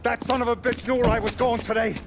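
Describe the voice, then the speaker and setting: An actor playing a commanding, vengeful mob boss who talks in a gruff, authoritative and profane way. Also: male voice, extremely high pitch, little pitch movement, fast talker, background noise. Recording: loud orchestral score behind.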